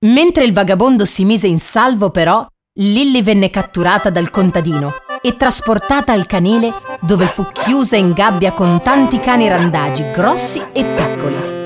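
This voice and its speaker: A woman narrating a children's storybook in an expressive, animated way. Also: mid-range voice, moderate pace. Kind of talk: storybook reading. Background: background music.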